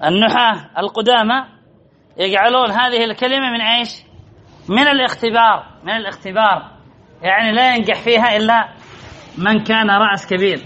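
High-voiced man quizzing a grammar class. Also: fairly quick, pushed and bright, lo-fi sound. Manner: quizzing, repeats key phrases. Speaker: Arabic grammar teacher. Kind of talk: classroom lesson with questions to students.

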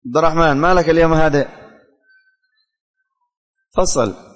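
A man's voice: a little high, normal speed, a bit bright, long reverb tail, faint music behind. A man teaching a religious studies class, calling on students by name, asking questions and repeating the answers.

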